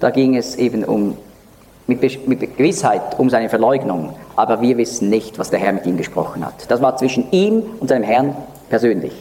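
A man giving Bible teaching, expressive, rising for emphasis and dropping low and soft when he quotes dialogue. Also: normal speed. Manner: expressive, lively pitch for emphasis. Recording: long reverb of a large hall.

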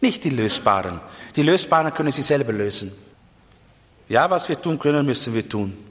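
A man preaching a sermon with emphatic rhetorical questions and sweeping rises and falls in pitch. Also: lively intonation, moderate pace, fairly bright tone, in a large hall.

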